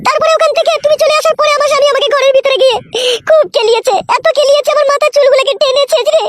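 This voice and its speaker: A woman putting on a shrill voice to play a quarrelsome young village wife who grumbles and complains in a comic skit. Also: steady tone, racing, a little hiss or hum. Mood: aggrieved.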